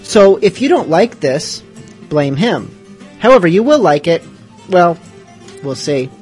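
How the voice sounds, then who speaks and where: A man's voice: sits high, very animated, measured pace, darkish tone, faint music behind. A man hosting a podcast, chatting casually with rambling, self-deprecating asides. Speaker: podcast host. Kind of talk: casual radio-show chat.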